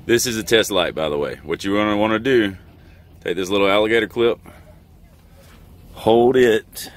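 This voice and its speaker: Inside his noisy truck cab, a middle-aged American man who drives trucks offers a casual, plain-spoken how-to. His voice sits on the low side, and he talks at normal speed.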